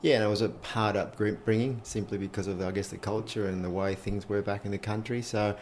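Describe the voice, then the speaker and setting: A man from Chile in his forties answers interview questions in a relaxed, chatty way. His voice sits on the low side. A faint background hum runs under his talk as he sits at home. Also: fairly quick. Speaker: interview guest, former player and coach.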